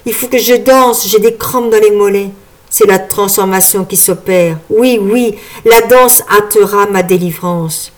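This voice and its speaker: A woman voicing a vain, grandiose enchanted frog fairy in a storybook reading, with a shrill, preening, imperious manner. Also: unhurried, lightly acted. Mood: vain excited.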